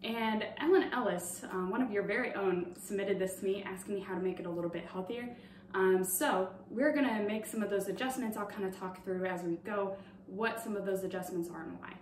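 A woman's voice: mid-range voice, fairly quick, darkish tone, slight background noise. A young woman casually demonstrating a recipe in a home kitchen, explaining each step as she goes with plenty of fillers. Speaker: cooking demonstrator. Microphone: far camera on a tripod. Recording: roomy, distant camera audio.

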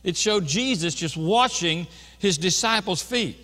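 A man's voice: high voice, expressive, unhurried, sharp tone, in a large hall. A man preaching an earnest, emphatic sermon in a church, often restarting his phrases. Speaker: pastor. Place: church sanctuary.

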